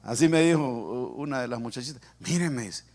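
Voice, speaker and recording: A Salvadoran pastor preaches in a church sanctuary, mixing his sermon with a humorous personal testimony. His mid-range voice moves at normal speed as he speaks animatedly and addresses the congregation directly.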